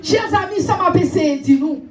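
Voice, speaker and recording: A woman preaching a sermon and telling a personal testimony, animated and often raising her voice with laughter. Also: very high-pitched, moderate pace, roomy sound, recorded from a distance. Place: church.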